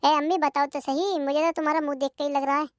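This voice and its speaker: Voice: high voice, flat delivery, no echo, natural voice. A voice actor playing an indignant grown daughter who takes her mother's side in a comedy cartoon. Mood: concerned. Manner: brisk, scolding and protective.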